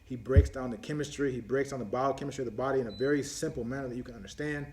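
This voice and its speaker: A man speaks at an ordinary middle pitch while hosting a loose, unscripted live-stream Q&A. He rambles and restarts often, leaning on fillers as he works through viewer questions, with a faint hiss behind him. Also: rapid-fire, a little mellow. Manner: answers viewer questions as they come in. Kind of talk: casual live-stream chat.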